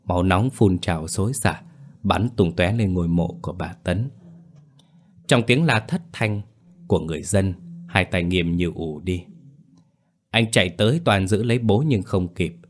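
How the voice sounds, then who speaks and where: A man's voice: low-pitched, moderate pace. A man narrating a scripted horror story in a grave, dramatic way.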